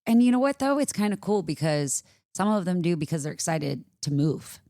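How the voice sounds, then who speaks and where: A chatty woman co-hosting a yoga podcast, her voice low-pitched and mellow. She talks in an upbeat, casual way. The sound is close and dry. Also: very animated, brisk, no echo. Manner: chatty, upbeat, fillers like "like" and "right?". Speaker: yoga teacher and podcast co-host.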